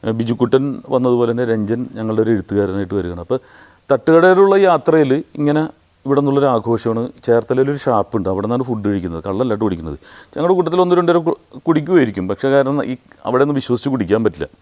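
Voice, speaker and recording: A middle-aged Malayali man with a thin, squeezed voice tells comic stories from his career at a brisk clip. He speaks casually and with energy, and he drops into quick imitations of the people in his stories. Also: mid-range voice. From Kerala, India. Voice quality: thin squeezed voice, which he says sounds like a duck grabbed by the neck. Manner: animated anecdotes with quick mimicry of other voices. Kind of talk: casual storytelling.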